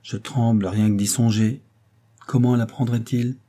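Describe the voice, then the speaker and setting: A man's voice: medium pitch, fairly even intonation, a little slow, dark tone, close to an everyday voice. A man voicing a sly, scheming middle-aged man who feigns humble servility, talking in a fawning, wheedling way.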